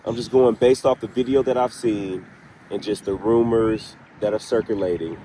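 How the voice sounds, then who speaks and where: A man hosting a paranormal session, speaking deliberately with pauses as he puts direct questions to an unseen spirit. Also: lowish voice, fairly even intonation, mellow, a little hiss or hum, low-quality recording. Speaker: paranormal investigator, host. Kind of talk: slow spoken questioning in a spirit box session.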